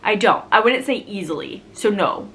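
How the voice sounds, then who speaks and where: A woman's voice: medium pitch, very animated, normal speed, fairly bright tone, a little hiss or hum. A young woman vlogger in a casual chat answering viewer questions, rambling and chatty with frequent laughs.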